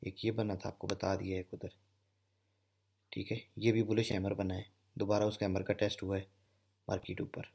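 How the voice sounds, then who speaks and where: A Pakistani trading instructor with a deep, creaky, somewhat mellow voice and a breathy edge talks at a normal speed in a monotone. Over a screen share, he walks through candlestick chart patterns step by step, checking in with "okay" and repeating "theek hai" often.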